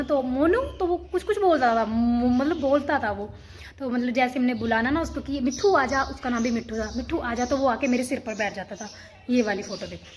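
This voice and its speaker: A woman's voice: sits high, a little hiss or hum. A young woman from Himachal Pradesh telling a story to her vlog viewers in a rambling, chatty way, full of restarts. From Himachal Pradesh, India. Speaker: vlogger. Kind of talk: casual storytelling to camera.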